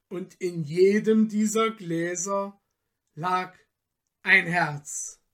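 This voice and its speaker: Man reading an old storybook, high voice, slow and calm. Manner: calm, measured, quiet. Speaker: narrator.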